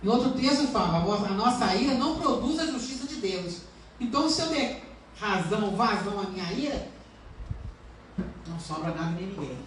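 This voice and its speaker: A woman's voice: medium pitch, lively intonation, brisk, heavy reverb, a little hiss or hum. A woman pastor giving an earnest sermon and asking her congregation questions, recorded from a distance in a church. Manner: earnest preaching with rhetorical questions.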